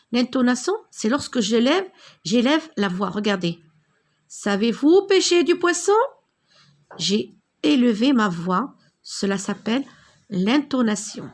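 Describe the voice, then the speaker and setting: A woman with a North African French accent, teaching a grammar lesson to young children in a slow, emphatic way, lifting her voice on the example questions. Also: medium pitch, vocal fry, husky.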